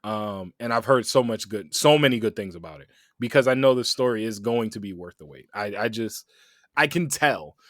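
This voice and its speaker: A man's voice: lowish voice, lively intonation, moderate pace, a bit bright, dry recording, clean studio sound. A young man, co-hosting a casual podcast chat. He sounds laid-back and teasing and laughs a lot. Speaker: podcast co-host.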